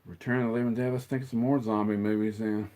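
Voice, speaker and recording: A middle-aged man hosts a casual live stream. He rambles in a lowish, easygoing drawl and answers the chat as he goes. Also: little pitch movement, quick pace, dark tone.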